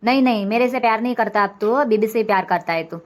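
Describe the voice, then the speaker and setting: A scolding, high-voiced cartoon mother-in-law who complains without pause, as a woman voices her. She is a middle-aged village matriarch, bossy and aggrieved. The tone stays sharp with nagging. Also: natural voice.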